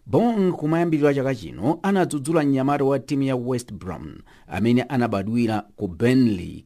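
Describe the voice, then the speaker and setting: A man's voice: fairly low pitch, mellow. A man with a Malawian accent reading scripted sports news as a bulletin presenter. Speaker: sports newsreader.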